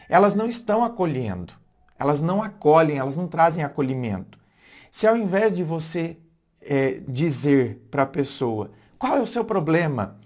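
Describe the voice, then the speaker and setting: A Brazilian man, a philosopher, talking casually about relationships, reflective and rephrasing himself often with fillers and restarts. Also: a little high. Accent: Brazilian Portuguese. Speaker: philosopher giving relationship advice. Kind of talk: casual spoken lesson to camera.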